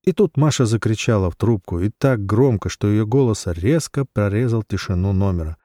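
Deep-voiced male story narrator. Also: animated, dark tone, no room sound, studio quality. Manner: measured storytelling. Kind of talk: audiobook narration.

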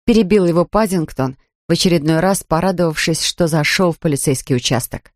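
A man narrating a children's story audiobook in a calm, even storytelling manner. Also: on the high side, fairly quick, no echo, studio quality.

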